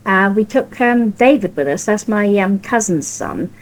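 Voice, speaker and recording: A woman's voice: mid-range voice, expressive, a little slow. An older woman with a broad West Country accent from Cornwall, telling informal anecdotes and acting out the conversations in dialect. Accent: Cornish West Country. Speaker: storyteller of personal anecdotes.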